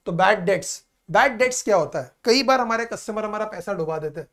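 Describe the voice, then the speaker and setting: A man's voice: high-pitched, expressive, a bit bright. Patient male teacher. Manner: patient, repetitive explaining, calls students "beta"; reads English definitions slowly and deliberately. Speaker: commerce teacher. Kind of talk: classroom lecture in mixed Hindi and English.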